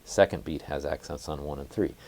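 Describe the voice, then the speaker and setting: Man, extremely low voice, guitar teacher, methodical, counts beats aloud, instructional lesson. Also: fairly quick, gravelly, darkish tone. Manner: methodical, explains step by step and counts rhythms aloud.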